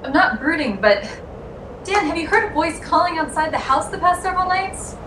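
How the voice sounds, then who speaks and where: A scheming, insistent woman in a vintage radio thriller. Her high voice is theatrical and very lively, heard echoey and at a distance. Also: a little fast, noisy background. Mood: anxious. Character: scheming, coldly coaxing murderous woman. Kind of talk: old radio thriller acting.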